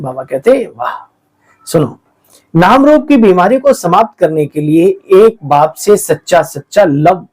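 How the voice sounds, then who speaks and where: A man preaches with a fairly high, lively voice, exhorting his listeners and calling them sweet children. His sermon moves in bursts of emphasis. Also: low-quality recording. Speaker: spiritual teacher explaining the daily murli.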